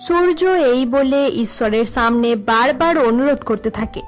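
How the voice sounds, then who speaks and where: A woman narrating a cartoon story in an even, measured way. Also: high voice, soft background music.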